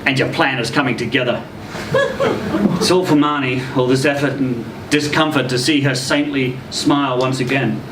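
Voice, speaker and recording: At a live literary event in an indoor social venue, a man reads a short story aloud with theatrical, expressive flair, acting out the quoted lines. His voice sits in the mid range and moves at a normal speed. The recording is roomy and distant, with a noisy hum.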